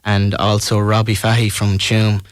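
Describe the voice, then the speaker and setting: A man's voice: fairly low pitch, monotone, moderate pace, clear, resonant tone, no room sound, studio quality. A man from Ireland with a west of Ireland accent, talking casually and tentatively as a musician in a radio interview.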